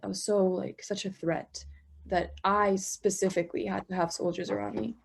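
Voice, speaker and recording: A young woman from Palestine talks as an interview guest. She tells her story casually and acts out every side of the dialogue. Her voice sits in an ordinary middle pitch for a woman. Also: normal speed, vocal fry, slight background noise. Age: young adult. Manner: animated retelling, acting out both sides of dialogue. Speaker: interview guest, law student.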